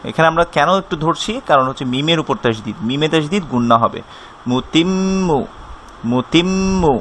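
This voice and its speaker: A man teaching a recitation lesson, patiently repeating syllables slowly so listeners can copy the sound. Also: a little high, lively intonation, bright, forceful tone, slight background noise. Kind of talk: online tajweed lesson.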